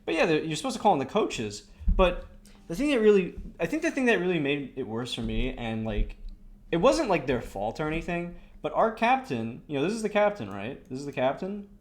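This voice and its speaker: A man's voice: a little high, sing-song, a little fast. A young man, a streamer, telling a story in a casual, rambling way while he draws. He swears a lot and fills his talk with lots of "like" and "you know".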